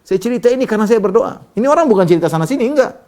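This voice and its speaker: A man preaching a religious lecture, reciting Arabic and then explaining it in lively storytelling, moving between soft low asides and raised emphatic lines. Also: rapid-fire. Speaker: Islamic preacher.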